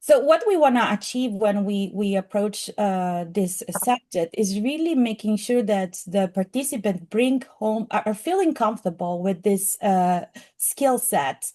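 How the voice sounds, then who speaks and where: A middle-aged woman with a strong Italian accent presents her program in earnest, working through frequent fillers and restarts. Her voice is mellow and soft-edged, sitting at a middle pitch. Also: expressive, measured pace. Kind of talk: presentation to an audience.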